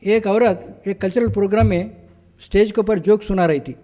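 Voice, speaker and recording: A man's voice: sits high, steady tone, normal speed, dark tone, long reverb tail. A man telling stand-up jokes and stories, full of repeats and fillers. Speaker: mimicry and joke performer.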